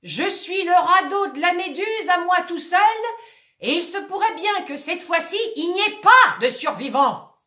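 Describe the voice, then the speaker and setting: A woman voicing a desperate male stage artist on a sinking plank, shouting theatrical exclamations. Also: high-pitched, expressive, a little slow, pitched above the performer's own voice, full character voice. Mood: exclaiming. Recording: roomy echo.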